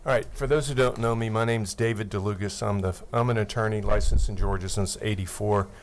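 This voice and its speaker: An attorney in his sixties gives formal testimony before a legislative committee at a table microphone, reading legal language aloud in an earnest, methodical way. His voice is fairly low, steady and fairly quick, with a little hiss or hum on the recording.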